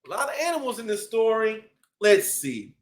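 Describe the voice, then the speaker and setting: A man hosts a read-aloud for young children, his voice sitting high with big pitch swings at a normal speed. His delivery is playful, exclamatory, and sing-song.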